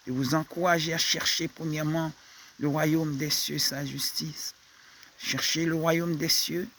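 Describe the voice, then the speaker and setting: Male preacher, sermon, unhurried halting delivery, slightly high voice, faint room ambience. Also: slight background noise. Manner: slow, halting delivery with repeated words.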